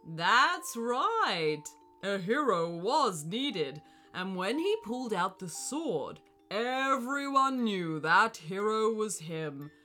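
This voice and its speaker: A woman voicing a kindly old male wizard stuck in a car, speaking in a loud, grand, reassuring way. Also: mid-range voice, sing-song, takes it slowly, faint music behind, heavily acted.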